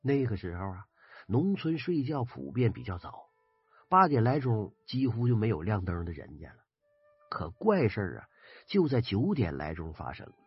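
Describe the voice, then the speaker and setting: A man with a Northeastern Chinese accent telling a folk ghost story in a lively, dramatic way. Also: fairly low pitch, normal speed, dry recording. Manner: lively, dramatic retelling, husky. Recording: dry, slightly dull recording with faint music.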